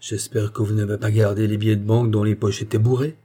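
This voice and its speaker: A man's voice: fairly low pitch, flat delivery, fast, natural voice. A man reading the part of a cheerful, eager young woman in an audiobook. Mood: lively. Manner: bright and eager.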